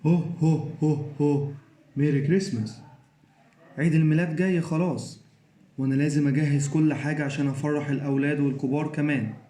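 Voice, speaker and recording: A man's voice: on the high side, fairly even intonation, fast, a little hiss or hum, close to an everyday voice. A man acting as an old, flustered Santa Claus in a children's play. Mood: jolly, busy. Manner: fussy, harried, hushing. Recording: echoey room.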